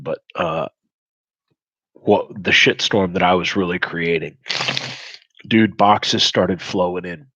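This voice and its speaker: A man in his forties with a very low voice tells a personal story candidly, blunt and profane yet reflective. The sound is dry and a little dull. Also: a bit bright, dry recording. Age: 40s.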